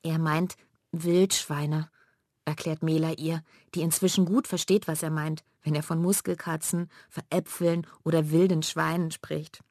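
A woman narrating a children's audiobook in a clear storytelling manner. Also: sits low, little pitch movement, normal speed, hardly any pauses, mellow, no echo, clean studio sound.

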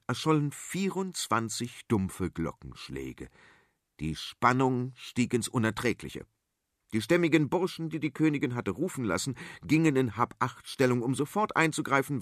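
A man narrating a storybook in a playful, expressive way. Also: medium pitch, no room sound, studio quality.

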